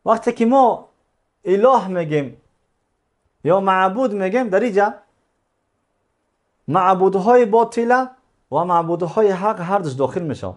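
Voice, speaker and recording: A man's voice: sits high, expressive, long pauses. A man teaching a religious lesson, explaining step by step, repeating key phrases and answering his own questions.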